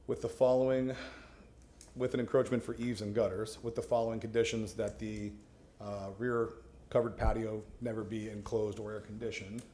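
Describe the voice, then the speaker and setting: A man's voice: fairly low pitch, flat delivery, moderate pace, mellow. A man who is a board member, stating a formal motion at a public meeting. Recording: echoey room, faint noise.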